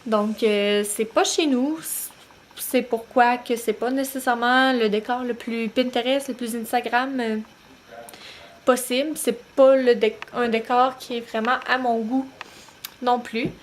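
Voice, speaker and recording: Chatty Québécoise young mom vlogging. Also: female voice, on the high side, slight background noise. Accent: Québécois French. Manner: chatty, many "euh" pauses, relaxed. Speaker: vlogger, new mother. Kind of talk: casual vlog talk to camera. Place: home, bedroom at night.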